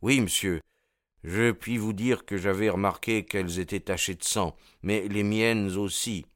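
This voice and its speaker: Polite reserved butler, formal and deferential, low dry voice, played by a man. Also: steady tone, measured pace, fairly bright tone, no room sound. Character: deferential middle-aged male butler, reserved.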